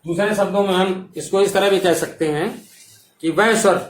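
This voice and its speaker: A man teaching a classroom grammar lecture, dictating definitions slowly and checking that students follow. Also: high-pitched, slight background noise. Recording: echoey room, voice from far off mic.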